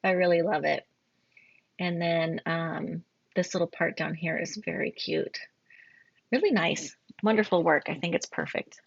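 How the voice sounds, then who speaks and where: A woman with a low, gravelly voice talks through student design work in a recorded critique. She praises freely and corrects herself often along the way. The sound is dull and lo-fi, with a dry, close feel. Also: a little slow, no room sound. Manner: warm, effusive praise with frequent fillers and self-corrections. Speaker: graphic design instructor.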